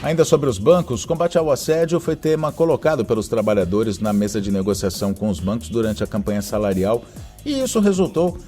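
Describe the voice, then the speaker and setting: A man's voice: lowish voice, lively intonation, a little fast, mellow, faint music behind. A man from Brazil hosting a weekly news roundup podcast, reading in a conversational way with asides and self-corrections.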